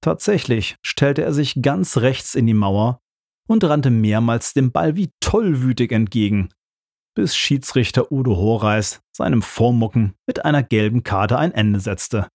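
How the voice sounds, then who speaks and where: A man's voice: medium pitch, animated, measured pace, a little mellow, no room sound. A man narrating an audiobook with dry, ironic storytelling.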